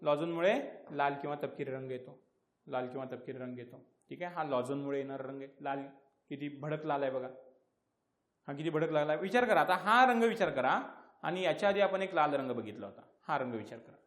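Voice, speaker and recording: A man's voice: fairly high pitch, fairly quick, roomy sound. A man with a Marathi accent giving an exam-prep lecture. He asks questions and answers them himself, repeating key terms. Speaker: teacher.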